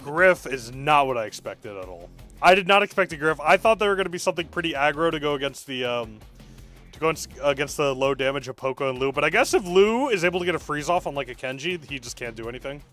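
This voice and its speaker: High, lively young male game caster. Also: fast, faint music behind. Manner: excitable, reacts to chat between calls. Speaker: streamer casting an esports match. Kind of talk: live play-by-play commentary.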